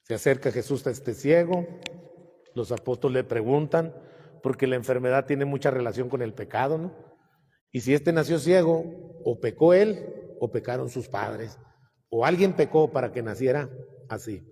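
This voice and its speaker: A man's voice: medium pitch, moderate pace, dark tone, in a large hall. An older man, a priest, retelling gospel stories in a folksy, humorous homily with asides. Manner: folksy, humorous storytelling with asides and acted quotes.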